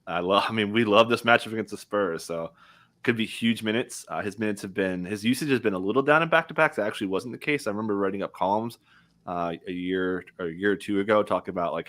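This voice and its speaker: A man's voice: on the low side, a bit bright. A man analyzing fantasy basketball in loose, casual talk with lots of fillers. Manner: loose, filler-heavy, quick informal talk. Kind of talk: casual chat.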